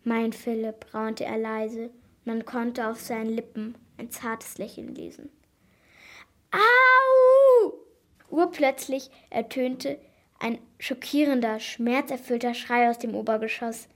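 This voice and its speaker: A woman narrating a children's mystery audiobook in a steady, expressive storytelling voice. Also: a little high, unhurried.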